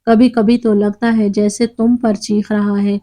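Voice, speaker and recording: A woman's voice: mid-range voice, flat delivery, warm tone, close to an everyday voice, low-quality recording. A woman voicing an outspoken female neighbour who lectures bluntly. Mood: lecturing.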